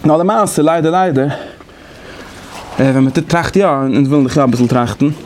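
A man's voice: fairly high pitch, normal speed, a little mellow, a little hiss or hum. A man giving a lecture, explaining conversationally and thinking aloud as he goes. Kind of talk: lecture on interpretation methods.

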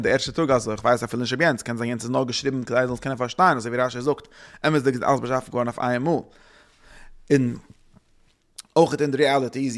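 A man giving a religious lesson, thinking aloud in halting phrases that he often repeats and restarts. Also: mid-range voice, a bit bright. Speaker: religious teacher.

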